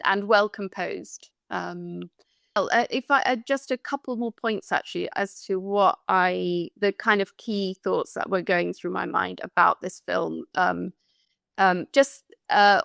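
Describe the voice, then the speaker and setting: A woman from London talks slowly and carefully, with a gravelly edge under an otherwise smooth voice. She sounds thoughtful and a little hesitant as she works through her ideas about a film. The sound is close and dry. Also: on the low side, fairly even intonation, a bit bright, no room sound. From London, England. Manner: thoughtful and hesitant, searching for words. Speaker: podcast panelist. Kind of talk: casual film discussion.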